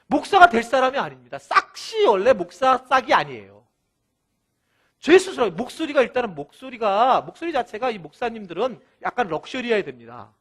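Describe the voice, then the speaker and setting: A male pastor delivering a sermon in an animated, storytelling way, acting out quoted lines, with a thin, light voice. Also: very high voice, brisk.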